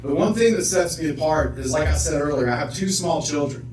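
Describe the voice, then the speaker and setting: A man's voice: on the high side, a little fast, soft background music. A man from Southern West Virginia giving an earnest campaign speech as a judicial candidate, with occasional fillers. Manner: earnest, steady public speaking with occasional fillers. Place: visitors center meeting room. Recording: echoey room, far from the mic.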